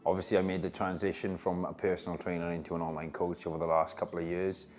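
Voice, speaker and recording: A man's voice: low voice, flat delivery, fast talker, darkish tone. A man in his thirties with a South Wales Valleys accent, chatting casually and teasingly in an interview. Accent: South Wales Valleys Welsh. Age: 30s. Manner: jokey, teasing. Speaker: body transformation coach.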